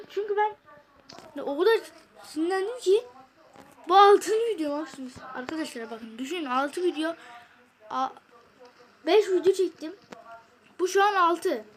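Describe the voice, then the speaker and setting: Very high-voiced exasperated woman gamer. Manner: exasperated, venting to viewers. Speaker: gaming channel host. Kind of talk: mobile game commentary.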